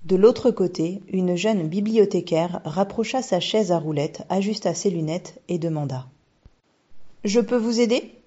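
A woman calmly narrating a storybook in a measured reading, with a dull lo-fi sound. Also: lowish voice, breathy edge. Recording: dull lo-fi recording.

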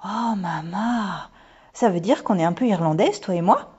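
A woman voicing an eager young girl on a trip abroad, speaking with bouncy, exclaiming excitement. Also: medium pitch, normal speed, voice pushed up, natural voice. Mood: excited. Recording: dull lo-fi recording.

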